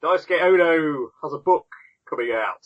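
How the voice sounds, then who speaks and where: A man's voice: fairly high pitch, expressive, moderate pace. Male podcast host, casual rambling chat, tinny lo-fi sound through a call mic. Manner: chatty, rambling while clicking through links. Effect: tinny, lo-fi wrong-microphone sound. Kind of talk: casual chat reading news. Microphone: online call.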